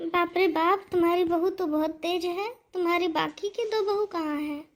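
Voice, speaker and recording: A woman's voice: extremely high pitch, fairly even intonation, normal speed, slight background noise. A woman voicing a gossiping, nosy female neighbour in a cartoon story, speaking in a confiding tone. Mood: gossipy.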